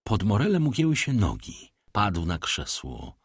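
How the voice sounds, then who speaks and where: A man narrating a novel aloud in an expressive, dramatic storytelling manner. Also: lowish voice, a little slow, husky, no room sound, clean studio sound. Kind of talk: audiobook narration.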